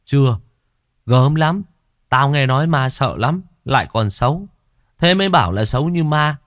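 A man voicing a curious, excitable twelve-year-old village boy who fires off eager questions in a spoken ghost story. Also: mid-range voice, normal speed, dry recording, clean studio sound, voice pushed up, close to an everyday voice.

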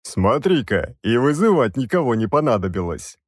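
A gruff, bass-voiced old army commander, as a narrator plays him, blunt and rough-spoken with a loud, lively delivery. Dry close studio sound. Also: male voice, normal speed, no echo. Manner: blunt, rough soldier talk.

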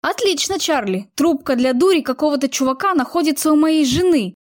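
A woman's voice: sits high, animated, a little fast, voice pushed up. A woman voicing a young male soldier who lectures his girlfriend in a reproachful tone. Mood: scolding. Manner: scolding, moralizing tone. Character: young man, soldier, stern and reproachful boyfriend.

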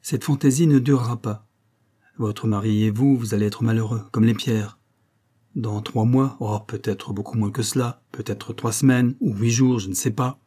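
A man's voice: mid-range voice, steady tone, moderate pace, warm tone, husky, natural voice. A man reading the part of a good-hearted, downcast young man who speaks plaintively and earnestly.

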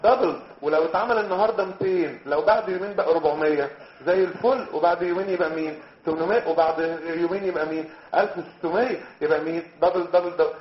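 Man, Egyptian accent, medical lecturer, high pitch, muffled roomy recording. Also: fast. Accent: Egyptian Arabic. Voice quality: quizzing, mixing English terms. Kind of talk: lively lecture with role-play.

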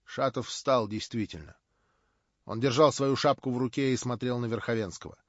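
A man narrating a literary audiobook with dramatic, animated delivery. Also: medium pitch, moderate pace, no room sound, muffled recording. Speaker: audiobook reader.

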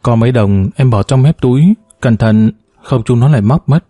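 A caring young wife speaks softly to her husband, read by a man. The voice is mellow and dark, close and dry. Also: medium pitch, normal speed, no echo, natural voice.

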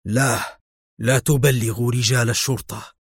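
A man's voice: mid-range voice, fairly even intonation, normal speed, breathy edge, no echo, clean studio sound, natural voice. A man voicing a nervous businessman who hides a crime ring, blustering yet shaken, in an audiobook story.

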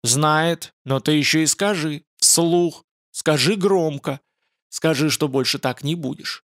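A man reading aloud and voicing a fierce, scornful warrior who barks and shouts at his companion. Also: on the high side, slow, dry recording, studio quality. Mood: scolding. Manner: barking, scolding shouts.

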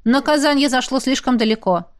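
A woman voicing a grave male master of magic, speaking in a measured way. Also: sits high, voice pushed up, lightly acted.

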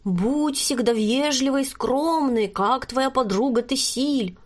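A woman voicing a young girl who pretends to be a solemn fortune teller, speaking slowly and mysteriously. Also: high voice, pitched above the performer's own voice. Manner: slow, drawn-out, mysterious.

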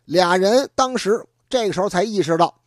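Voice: medium pitch, normal speed, no echo, studio quality. A storyteller telling a comic tale in a traditional spoken style, with chatty asides to the listeners. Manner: lively, chatty asides to the audience.

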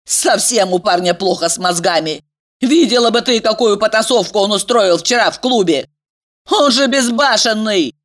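A woman's voice: expressive, normal speed, natural voice. A woman voicing a bossy, scheming young woman who scolds and shrieks at her friend. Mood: scolding, shrill. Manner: shrill, scolding, sarcastic.

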